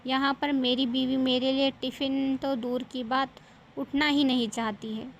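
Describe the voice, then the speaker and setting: A woman's voice: high voice, little pitch movement, a little slow, a little hiss or hum. A woman voicing a frustrated young husband who grumbles about his wife. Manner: complaining, grumbling.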